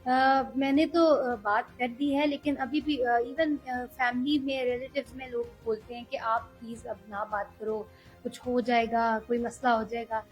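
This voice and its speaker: A young woman speaking earnestly as an interview guest, measured and hesitant at times. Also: fairly high pitch, steady tone, soft background music, rough recording. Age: young adult. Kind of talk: political interview.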